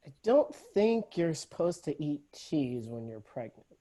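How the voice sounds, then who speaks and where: A laid-back young man drifts through the scene, read by a woman in an informal play read-through over a video call. The voice sits low and mellow, unhurried and deadpan, yet it rises and falls widely. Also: full character voice. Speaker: play reader.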